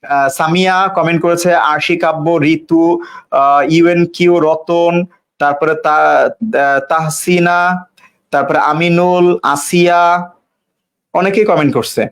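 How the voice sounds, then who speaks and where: High-voiced man teaching grammar. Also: fairly even intonation, slow pace, long pauses, fairly bright tone. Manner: repeats key points and quizzes viewers with questions; casual, teasing asides to commenters. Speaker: English teacher. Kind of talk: live online English grammar class.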